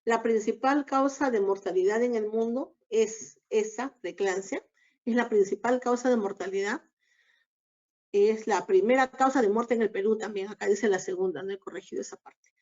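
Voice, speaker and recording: A woman giving a recorded obstetrics lecture, explaining each slide in a measured way. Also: mid-range voice, darkish tone. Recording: dull lo-fi lecture audio.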